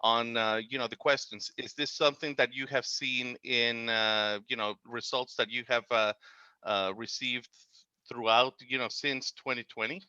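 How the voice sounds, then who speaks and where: A man's voice: mid-range voice, steady tone, normal speed, sharp tone, clear, resonant tone, dry recording, dull audio. A man making a public comment over a remote call whose audio keeps breaking up. He speaks hesitantly, with many fillers. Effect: choppy call audio breaking up. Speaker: commission member commenting at a council meeting. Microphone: remote video call.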